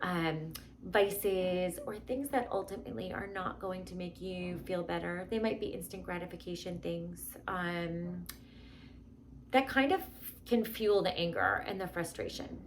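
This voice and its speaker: A woman's voice: on the low side, a little slow, a little hiss or hum. A woman speaking candidly and informally as she introduces a guided meditation.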